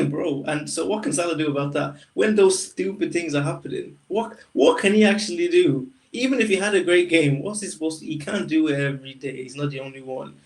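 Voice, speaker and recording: Brief: male podcast co-host, higher voice, slangy and blunt, slightly off-mic. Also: a little fast, gravelly, hardly any pauses, recorded from a distance, poor audio. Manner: direct, argumentative, with casual slang. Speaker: podcast co-host, Liverpool fan. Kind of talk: casual football chat.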